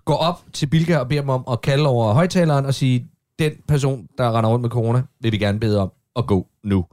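A man co-hosting, recounting a story in lively chat. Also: medium pitch. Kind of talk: news chat.

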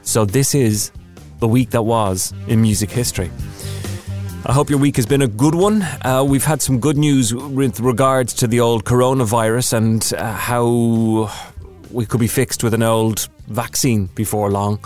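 A man's voice: medium pitch, a little slow, darkish tone, soft background music. A man hosting a podcast, chatty and casual, with rambling asides. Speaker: podcast host. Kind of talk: casual chat.

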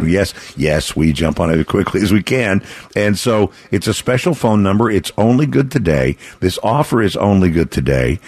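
An American man hosting a live radio charity pledge drive, pitching a limited-time offer in a folksy, rambling, earnest and persuasive way. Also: slightly rough, no room sound. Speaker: radio fundraiser host.

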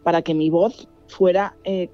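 A woman's voice: on the low side, steady tone, a little slow, highs cut off, faint music behind. A woman from Spain with a Spanish accent, speaking openly and reflectively in an interview, with some hesitant fillers. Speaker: interviewee, journalist. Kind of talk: personal interview testimony.

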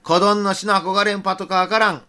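A man's voice: sits high, brisk. A man speaking in Kagoshima dialect, co-hosting a radio show and telling a listener's story with frequent chuckles. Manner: lively storyteller, chuckles often. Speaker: radio co-host. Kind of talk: reading a listener's letter in casual radio chat.

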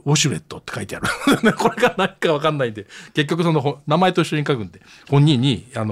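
A man with an Osaka accent hosts a relaxed solo podcast and reads out listener stories. His voice is gravelly and a little husky, and the pitch moves around a lot as he talks. He keeps dropping in chuckling, self-deprecating asides, all in a dry, close room. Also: dry recording. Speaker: podcast host.

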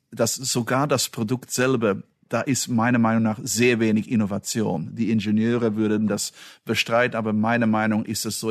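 A man's voice: medium pitch, no echo, clean studio sound. A man from Belgium, a non-native German speaker, answering interview questions as a company chief in earnest, slightly broken German. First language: not German.

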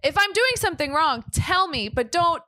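A woman's voice: very high voice, lively intonation, moderate pace, pushed and bright. A young adult woman co-hosting a casual chat, reasoning things through earnestly with a lot of "like" and "you know".

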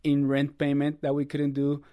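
A man's voice: on the high side, completely flat delivery, moderate pace, dark tone, no echo, clean studio sound. A man, telling his story as an interview guest in an earnest, upbeat way. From Costa Rica. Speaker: guest, ministry producer. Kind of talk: casual interview.

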